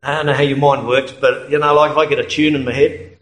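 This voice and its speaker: Australian preacher in an echoey room. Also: male voice, medium pitch, little pitch movement, fast. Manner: conversational, anecdotal, chuckles at own stories. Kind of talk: sermon.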